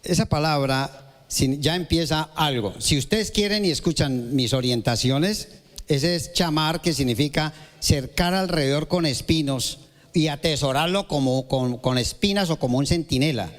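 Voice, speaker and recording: A man's voice: fairly high pitch, normal speed. A man preaching a sermon as pastor, with a Colombian Spanish accent, asking his congregation questions as he goes. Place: church hall. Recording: long church reverb.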